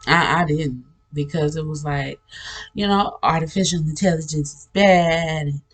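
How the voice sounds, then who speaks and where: Woman, spiritual talk, lowish voice, unhurried, rambling, earnest, laughs often. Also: soft background music. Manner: earnest, storytelling. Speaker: spiritual channel host. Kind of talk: casual spiritual talk about a vision.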